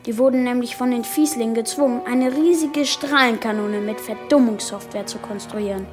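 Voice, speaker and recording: Woman as a nervous, high-voiced boy superhero, rambling and stammering, for a kids' radio play. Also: over music, lightly acted. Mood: explaining. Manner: stammering, talks fast and rambles when nervous.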